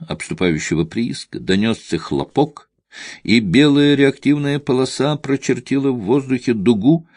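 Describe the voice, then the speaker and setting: A man reading a thriller audiobook aloud in a measured, tense narrating style. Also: medium pitch, darkish tone, dry recording, clean studio sound. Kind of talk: dramatic scripted narration.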